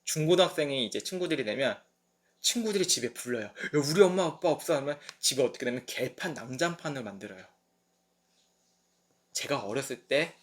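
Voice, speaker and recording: A young man preaching at a midweek service, telling the story with lively, acted-out asides. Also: a little high. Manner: lively storytelling that acts out quoted voices. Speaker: pastor.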